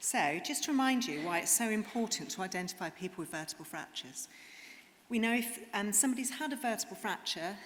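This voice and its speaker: A woman's voice: mid-range voice, lively intonation, a little fast, fairly bright tone. A woman giving a conference talk as a medical specialist, earnest and explanatory, with frequent ums. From England. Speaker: conference speaker, rheumatologist. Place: conference hall. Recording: reverberant hall, faint noise.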